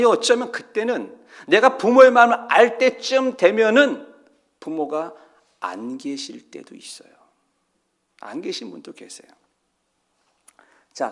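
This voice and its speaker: A man's voice: a little high, a bit bright. A man preaching a sermon as pastor in a church, telling a story with quoted voices and putting questions to the congregation. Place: church sanctuary.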